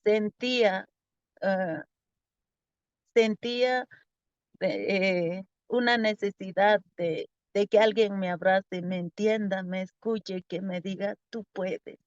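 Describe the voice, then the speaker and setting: Woman, interviewee, unhurried, halting and heartfelt; dry, muffled lo-fi recording. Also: mid-range voice, fairly even intonation, no room sound. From Peru. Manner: earnest, halting, emotional storytelling. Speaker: interviewee, former community mayor. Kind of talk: personal testimony in conversation. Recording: slightly dull, dry lo-fi recording.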